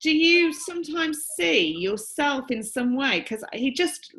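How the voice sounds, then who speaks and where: A woman's voice: sits high, big pitch swings, measured pace, fairly bright tone, low-quality recording. A woman working as a psychic medium, relaying messages in a reading. She talks in an earnest, emotional, chatty way with many restarts.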